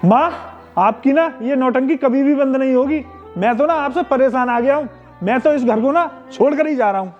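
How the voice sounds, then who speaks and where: A man's voice: very high voice, moderate pace, muffled recording, faint music behind. A man playing an exasperated grown son. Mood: irritated. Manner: firm, irritated. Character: exasperated grown son, fed up with his mother. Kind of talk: amateur Hindi family drama.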